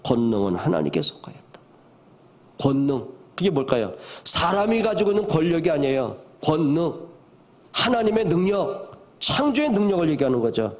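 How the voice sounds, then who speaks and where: An older man, a pastor, preaching a sermon, moving from soft to loud and asking the congregation questions. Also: on the high side, big pitch swings, moderate pace.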